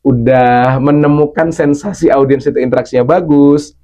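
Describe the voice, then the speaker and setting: A man working as a public speaking coach, explaining how to use the voice in a casual interview and briefly acting out example voices. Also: mid-range voice. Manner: fast, animated explainer, acts out example voices. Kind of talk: coaching talk in a podcast interview.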